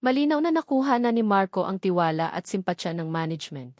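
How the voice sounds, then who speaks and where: A woman with a Filipino accent reads a dramatic story from a script as its storyteller, her voice at a middle pitch with a darkish tone. She talks fast with lively intonation, and the dry recording has hardly any room sound and no echo.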